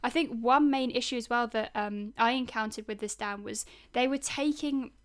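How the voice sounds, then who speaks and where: Female podcast co-host, slightly high voice, earnest explainer. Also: normal speed. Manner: earnest and engaged, explains with concern. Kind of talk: conversational podcast discussion.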